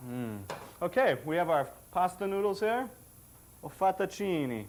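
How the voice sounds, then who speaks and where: High, chatty man hosting a cooking show. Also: expressive, measured pace, a little mellow, a little hiss or hum. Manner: jokey, chatty, self-satisfied. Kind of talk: cooking demonstration.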